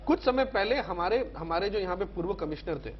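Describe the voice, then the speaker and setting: A man with a very high voice argues as a panelist in a televised debate. He keeps repeating words and restarting his sentences as he pushes on. The broadcast sound is a little dull. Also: animated, a little fast. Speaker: political panelist. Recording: slightly dull TV broadcast audio.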